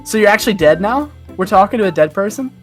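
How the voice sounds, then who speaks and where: On a podcast panel, a person with a mid-range voice and lively intonation talks quickly, riffing and speculating in a joking, rambling group chat. The voice is close and dry, with guitar music playing behind it.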